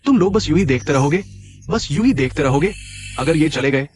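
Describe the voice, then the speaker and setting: A male voice actor playing a blustering middle-aged village bully in a dubbed drama, loud and threatening. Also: fairly high pitch, animated, fairly quick, music in the background, lightly acted. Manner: loud, threatening, then fawning. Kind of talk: Hindi-dubbed drama acting.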